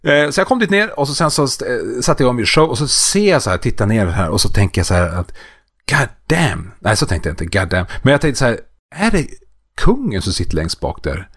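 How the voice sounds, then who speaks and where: A man's voice: mid-range voice, slightly rough, no echo, clean studio sound. A man from northern Sweden, a magician, telling a story in casual chat and acting out the voices. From Skellefteå, northern Sweden. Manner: animated storyteller, acts out voices, laughs often.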